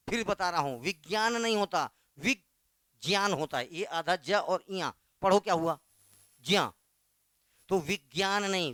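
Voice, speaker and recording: A man's voice: sits high, fairly bright tone, no room sound, studio quality. A male Hindi tutor with a Chhattisgarhi Hindi accent, teaching a class and drilling students with questions that he answers himself. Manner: quizzing questions then answering them; slow, emphatic spelling out of letters. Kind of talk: classroom lesson.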